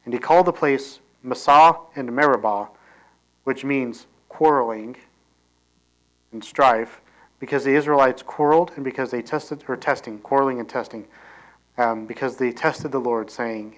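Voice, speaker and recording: A man's voice: mid-range voice, poor audio. Male pastor, sermon, reads scripture then explains it, casual asides, self-corrections. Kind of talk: sermon reading scripture with commentary.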